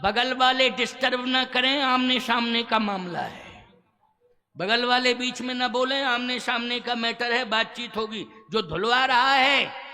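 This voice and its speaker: A stubborn, cheeky boatman devotee who bargains and insists with a teasing edge, as a male preacher voices him. The voice is very high and bright, close to the preacher's own. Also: a little slow, exaggerated voice. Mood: insistent.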